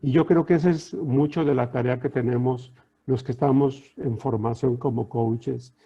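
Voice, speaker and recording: A middle-aged man with a Mexican accent speaks calmly and reflectively, often posing questions to his listeners. His voice is deep-toned and mellow, a little high for a man, with a breathy, husky edge. The sound comes through a dull, lo-fi video call. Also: moderate pace. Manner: calm, reflective, poses rhetorical questions. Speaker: coach giving a talk. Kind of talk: reflective talk to trainees.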